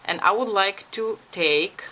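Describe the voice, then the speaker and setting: Speaking slowly in a mid-range voice that is pushed and bright, a young Bulgarian beauty vlogger chats openly with viewers during a casual makeup tutorial. She asks them for advice and swears casually, and a slight hiss or hum runs through the recording.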